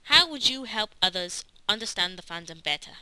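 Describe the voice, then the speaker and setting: A woman's voice: mid-range voice, animated, a little fast, noisy background. A woman delivering scripted narration as the narrator and interviewer of a documentary.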